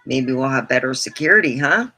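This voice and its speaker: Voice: mid-range voice, animated, a little fast, sharp tone. A livestream host chatting casually, in a loose, rambling way that drifts between thoughts.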